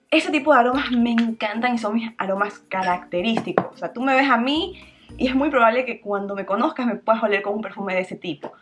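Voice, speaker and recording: A young adult woman talking casually and with bubbly energy as she reviews a perfume for her vlog, often leaning on words like "súper". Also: a little high. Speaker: beauty vlogger.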